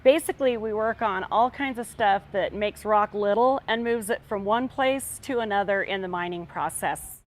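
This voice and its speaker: A woman's voice: mid-range voice, normal speed. A woman from an industrial contractor speaking plainly in an interview.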